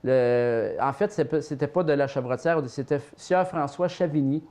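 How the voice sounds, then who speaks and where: A man from Quebec's Mauricie region with a Québécois accent, telling family legends in a lively, playful way as an interview guest. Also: fairly high pitch, moderate pace. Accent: Québécois French. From Saint-Tite, Mauricie, Quebec. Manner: lively, anecdotal, playful storyteller. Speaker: storyteller guest. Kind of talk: casual interview storytelling.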